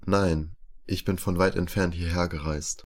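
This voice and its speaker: A man's voice: deep voice, fairly even intonation, measured pace. A man voicing a guarded young female warrior who speaks formally and curtly.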